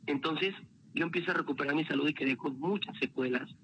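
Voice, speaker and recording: A man's voice: fairly high pitch, quick pace, fairly bright tone, slight background noise, low-quality recording. A man, a motivational speaker, telling an emotional personal story as a guest on a livestream. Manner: earnest, emotional, repeats words.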